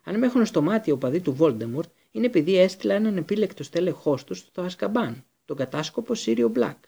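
A man's voice: sits high, big pitch swings, gravelly, warm tone, slightly rough, pitched above the performer's own voice, full character voice. A man voicing a cowardly, frightened man who squeals and wheedles in panic. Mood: panicked.

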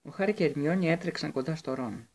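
A man narrating an audiobook in a steady reading voice, with occasional slips and restarts. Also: a little high.

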